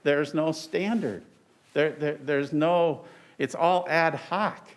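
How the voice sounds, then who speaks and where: An older man, an attorney, giving a halting, deliberate oral argument in court. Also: on the high side. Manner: halting, deliberate, with stretched pauses. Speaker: attorney arguing on appeal. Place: large courtroom. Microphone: lectern microphone, speaking through a face mask.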